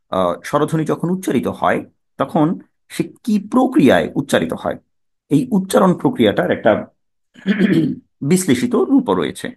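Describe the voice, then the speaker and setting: Husky-voiced man teaching pronunciation. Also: fairly high pitch. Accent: Bangladeshi Bengali. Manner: measured, explanatory, asks and answers his own questions. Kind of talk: pronunciation lesson.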